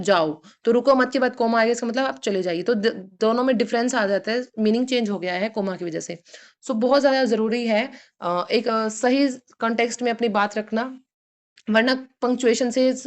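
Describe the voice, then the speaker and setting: Woman teaching in Hinglish. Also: fairly high pitch. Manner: explains in mixed Hindi and English, repeating examples and saying "ठीक है" often. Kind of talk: lecture on employability skills.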